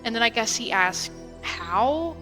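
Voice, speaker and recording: A woman co-hosting a podcast, chatting casually in an animated way and laughing easily. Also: on the high side, moderate pace, long reverb tail, music in the background. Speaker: podcast co-host. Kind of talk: casual chat.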